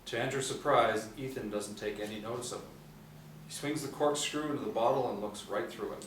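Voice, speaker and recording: With a medium-pitched voice at a fairly quick clip, a man in his forties reads aloud scripted screen directions. He's recorded in a small room where a group sits, through a distant mic that sounds roomy and slightly noisy.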